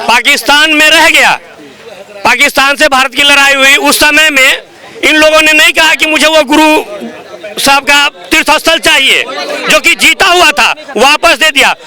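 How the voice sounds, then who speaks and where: A man's voice: extremely high pitch, sharp tone. A man in a street debate, insistent and repeating his points. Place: busy city street outdoors.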